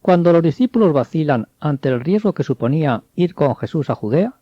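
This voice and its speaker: A man giving a measured, explanatory commentary on scripture. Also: on the high side, lively intonation, dry recording. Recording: dull, dry studio sound.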